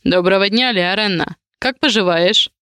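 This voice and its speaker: A woman reading an audiobook voices a cold, arrogant duke who speaks sternly and with quiet menace. The delivery stays curt and controlled, in a smooth, clear voice. The recording is close and dry. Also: medium pitch, moderate pace, no room sound, natural voice. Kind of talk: audiobook character voice.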